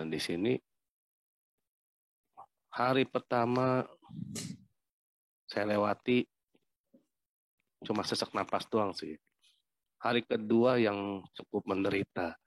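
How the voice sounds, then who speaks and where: A young man gives an earnest, halting testimony of his illness from a quarantine hotel room. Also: on the low side, no room sound. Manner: earnest, halting, emotional retelling. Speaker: covid patient giving testimony. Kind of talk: personal testimony interview.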